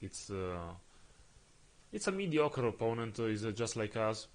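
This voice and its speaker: An Italian man with an Italian accent commentates on his own football video game stream in English, his second language. His voice is on the low side and very animated, and he often pauses with fillers while searching for words.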